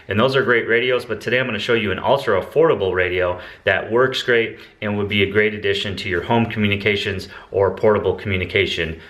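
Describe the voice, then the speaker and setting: A male product reviewer with a slightly deep, somewhat bright voice walks listeners through features casually. His manner is informal and plainspoken.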